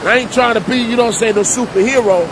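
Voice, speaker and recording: A middle-aged man from Jersey City, telling his life story in a casual vlog monologue, full of street slang and repetition. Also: fast talker. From Jersey City, New Jersey. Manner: streetwise slang, repeats himself for emphasis. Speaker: vlogger and preacher. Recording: loud rumbling noise behind voice.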